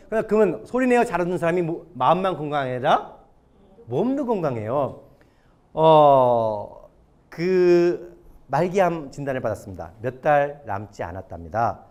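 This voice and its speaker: A male pastor giving a lively sermon lecture to an audience, often putting questions to them. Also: fairly high pitch, normal speed. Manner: animated, asks the audience questions. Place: church or hall lecture before an audience.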